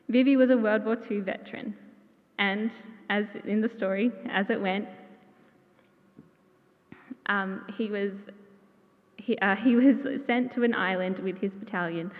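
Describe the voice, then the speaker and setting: A woman giving a memorial tribute in a church, telling warm stories with gentle humor. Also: medium pitch, fairly even intonation, unhurried, pauses often. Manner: heartfelt, gently humorous storytelling. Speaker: eulogy speaker. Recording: tinny, echoey church hall.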